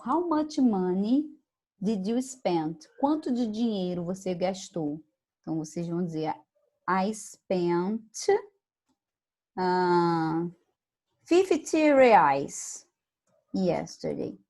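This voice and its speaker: A woman's voice: lowish voice, animated, slow pace, mellow. A woman English teacher from Brazil giving an online lesson, patiently repeating words and checking in with her students. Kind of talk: online lesson explaining pronunciation.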